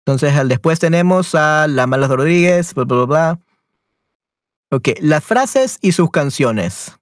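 Reading quiz questions aloud to students in an online Spanish lesson, a man shifts often between Spanish and English and keeps repeating his affirmations. His voice is on the high side, slow-paced, with lively intonation, captured in a dry, studio-quality recording.

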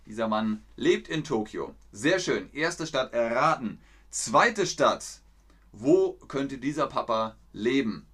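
A young man leads a live language-class quiz, cheering his viewers on and reading their chat messages aloud. His voice sits at an ordinary middle pitch and he laughs often. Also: lively intonation, takes it slowly, fairly bright tone, slightly rough. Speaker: German teacher hosting a live class. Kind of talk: livestream quiz lesson.

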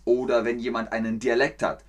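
A man with a Rhineland German accent, hosting a casual livestream lesson and explaining things slowly, with repeats of key sentences. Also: medium pitch, little pitch movement. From Cologne, Germany. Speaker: German teacher, livestream host.

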